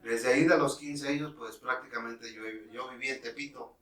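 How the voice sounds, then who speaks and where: Bright-voiced man in a roomy room. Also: medium pitch, normal speed, distant mic. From Mexico. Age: 50s. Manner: relaxed, many fillers like "este". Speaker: guest, former futsal referee. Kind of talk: casual interview storytelling.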